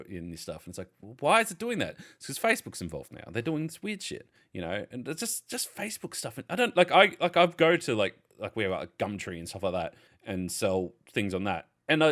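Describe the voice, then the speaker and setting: Animated, swearing Australian podcast host. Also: male voice, on the low side. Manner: animated storyteller, swears freely, acts out customers. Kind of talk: casual chat.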